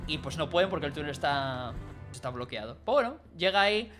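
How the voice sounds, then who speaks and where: A streamer telling a story in a casual, rambling way. The voice sits at a middle pitch and is animated, with many restarts, and dips low and quiet for side remarks. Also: quick pace, over music.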